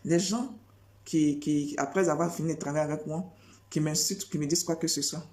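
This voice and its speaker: A woman preaching a sermon in a low, mellow voice. She presses her points by repeating phrases over and over and throwing rhetorical questions at the congregation. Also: steady tone, fairly quick.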